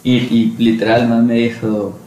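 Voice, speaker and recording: Mexican guy telling a personal story, steady and measured, echoey room w a bit of hiss. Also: medium pitch. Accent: Mexican Spanish. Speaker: podcast co-host. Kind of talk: casual chat. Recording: echoey room, faint noise.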